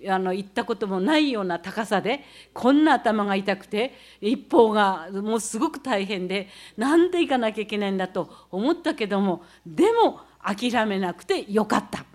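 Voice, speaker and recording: A woman's voice: mid-range voice, lively intonation, moderate pace. A woman from the Tohoku region of Japan giving a talk, explaining techniques step by step as she demonstrates them. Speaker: speaker recounting leading a student climb.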